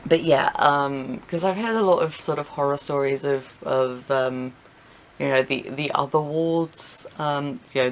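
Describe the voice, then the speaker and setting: Young woman vlogger, low gravelly voice, hesitant ramble full of ums, light hiss behind. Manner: self-deprecating, chuckling now and then. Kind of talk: rambling casual chat to camera. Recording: faint hiss.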